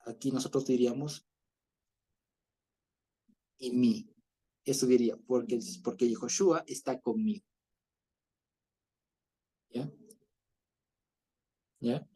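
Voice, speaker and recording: A man's voice: mid-range voice, fairly even intonation, takes it slowly, long pauses, dark tone, slightly rough. A man teaching an online Bible class over a video call, explaining patiently, often checking in with listeners and chuckling as he goes.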